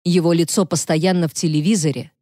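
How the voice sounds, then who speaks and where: Grave, persuasive male lawyer, voiced by a female narrator; low warm tone, dry close read. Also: fairly even intonation, brisk, no room sound, natural voice. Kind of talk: audiobook reading.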